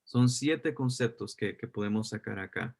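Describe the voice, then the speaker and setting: A man's voice: lowish voice, moderate pace, creaky, darkish tone. Man teaching a sermon. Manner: repeats key phrases, asks the audience questions. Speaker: pastor.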